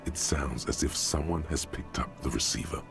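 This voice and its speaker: A male actor voices the ominous, wry inner narrator of a detective video game. His extremely low, creaky voice delivers lines in a deliberate, dramatic, and dry manner over background music.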